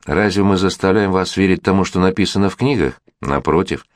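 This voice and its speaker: A man's voice: low voice, fairly quick, no echo, clean studio sound. A man narrating a literary story aloud, with an ironic manner that addresses the reader directly.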